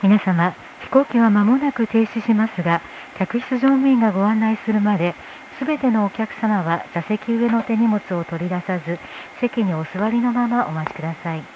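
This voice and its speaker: At a normal pace and with barely any pauses, a flight attendant with a mid-range voice reads a formal inflight announcement. It comes through a tinny cabin PA, noisy and backed by cabin sound.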